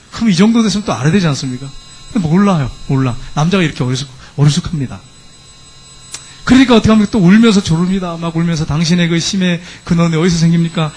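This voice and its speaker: High-voiced preaching man, animated sermon. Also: slightly rough. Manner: animated preaching, dramatizing the story with quoted voices and laughter. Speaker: pastor. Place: church sanctuary.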